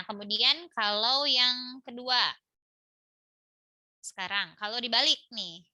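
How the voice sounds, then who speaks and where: A woman teaches math online from a village home near a busy road, walking through each step in a chatty manner and frequently adding the tag "gitu ya." Her voice is mid-range, pushed and bright, with no room sound. Motorbikes can be heard passing.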